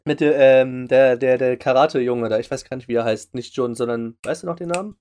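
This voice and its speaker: A man hosting a casual podcast chat, eager and quick to agree while asking his guest questions. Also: medium pitch, a little mellow, clean tone.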